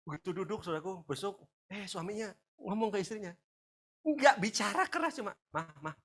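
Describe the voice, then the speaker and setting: Animated high-voiced pastor. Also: male voice. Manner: animated storytelling, acts out quoted voices, shouts and laughs. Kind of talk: lively conversational sermon.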